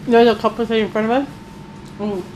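A woman's voice: fairly high pitch, fairly even intonation, quick pace, darkish tone, a little hiss or hum, rough recording. A middle-aged woman chatting casually while eating, talking with her mouth full as she tells stories. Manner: chatty, storytelling, plain-spoken. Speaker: mother and show host.

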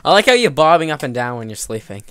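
A man casually commentating a block-building game with a friend, excitable and quick to yelp and laugh. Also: on the high side, clean tone, dry recording. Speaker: game video co-host.

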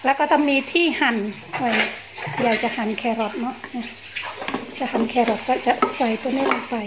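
A woman's voice: on the high side, moderate pace, very noisy. A middle-aged woman from Thailand chatting playfully and casually as she narrates a home cooking vlog. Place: small home kitchen, indoors.

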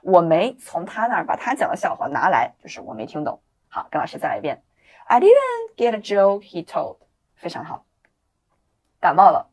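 Encouraging woman teacher, slightly low voice. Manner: reads English example sentences slowly and clearly for learners to repeat; explains in lively, encouraging classroom talk. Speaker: English teacher. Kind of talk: online video lesson.

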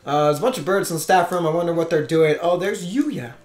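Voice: medium pitch, fast talker, a little mellow, faint music behind. A gamer casually commenting on a game while reading its text aloud, playful, swearing freely and slipping into character voices. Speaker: let's play gamer. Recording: roomy echo.

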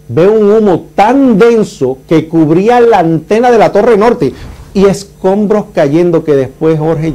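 A man giving an emotional first-person survivor's account, vividly acting out the shouts and sounds. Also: on the high side.

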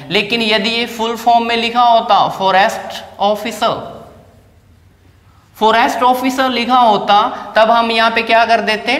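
A male teacher's high-pitched, slightly bright voice carries an English lesson in a reverberant, echoey classroom. He guides students through it methodically while asking rhetorical questions.

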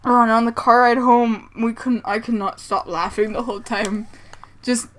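A woman's voice: on the high side, little pitch movement, normal speed. A woman hosting a casual multiplayer game session, teasing her friends and telling stories with frequent laughter. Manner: loud teasing, laughs often, storytelling. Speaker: gaming channel host. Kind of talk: casual let's-play banter.

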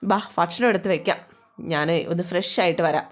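Woman doing a young wife, brisk, bossy, teasing, caring. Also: lowish voice, close to an everyday voice. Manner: brisk, teasing, giving instructions.

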